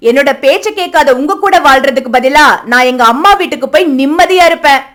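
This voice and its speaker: A woman's voice: sits high, fairly quick, a bit bright. A woman voicing a greedy, scheming young wife in a cartoon, talking in a nagging, sarcastic way. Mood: scolding. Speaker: elder daughter-in-law. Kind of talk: cartoon voice acting.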